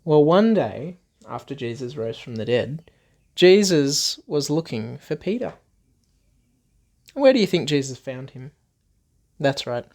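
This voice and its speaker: With a medium-pitched, slightly mellow voice, a man reads a Bible story aloud to children, very animated yet unhurried and pausing often. He speaks expressively in simple, repeated phrases and asks his young listeners questions.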